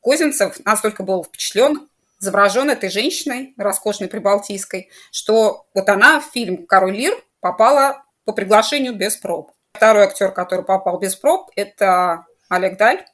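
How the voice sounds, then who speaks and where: Medium-pitched woman discussing film. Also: expressive, moderate pace, a bit bright.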